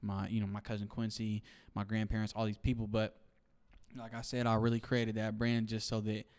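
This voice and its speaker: Low, flat-voiced young man, reflective. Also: brisk, smooth. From Seattle, USA. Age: 20s. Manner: reflective, with many "like" and "you know" fillers. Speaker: podcast guest. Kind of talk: casual interview talk.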